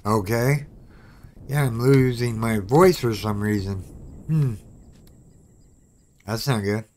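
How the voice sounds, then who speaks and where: A man hosts a gaming channel, chatting casually to viewers while he plays, with something clogging his throat. His voice is medium-pitched and darkish, and he talks slowly.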